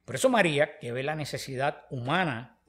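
A man's voice: mid-range voice, brisk. A man teaching on the Bible in a conversational talk, telling stories and acting out the dialogue. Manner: animated storytelling, acting out quoted dialogue. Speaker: preacher.

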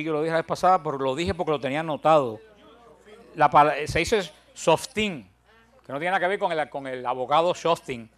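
A man's voice: a little high, a bit bright. Older man teaching a Bible study. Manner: humorous, self-deprecating storytelling; emphatic, counts points aloud.

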